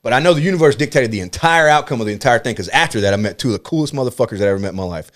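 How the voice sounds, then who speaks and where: A male comedian hosting a podcast, telling a profane story in a loose, animated, casual way. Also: medium pitch, racing.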